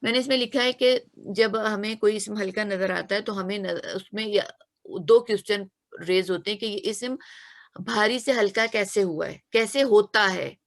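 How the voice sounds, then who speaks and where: A woman's voice: medium pitch, normal speed. A woman teaching a grammar lesson, patiently repeating examples and checking that students follow. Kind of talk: explanatory lesson.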